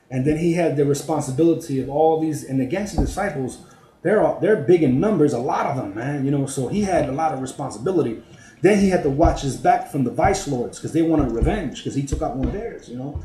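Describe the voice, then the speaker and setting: A middle-aged man shares his testimony from prison days in loose, streetwise talk, leaning on "you know" and "man". His voice sits a bit high yet sounds mellow and soft-edged. The recording rings with room echo. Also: expressive, fairly quick. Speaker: former prisoner giving testimony. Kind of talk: personal testimony. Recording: roomy, echoey sound.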